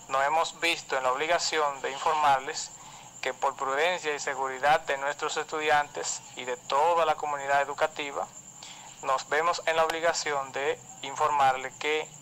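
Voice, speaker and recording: A man's voice: a little high, sharp tone, slight background noise, rough recording. A male school director with a Dominican accent, heard in a phone voice message played on air, making a stiff official announcement. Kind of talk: formal announcement.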